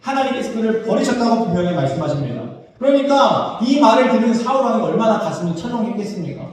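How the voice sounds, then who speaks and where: A man preaching a sermon as pastor, acting out biblical dialogue in a casual, lively way. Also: high voice. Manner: leads congregation in slow unison scripture reading. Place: church sanctuary. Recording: echoey church hall, mic at a distance.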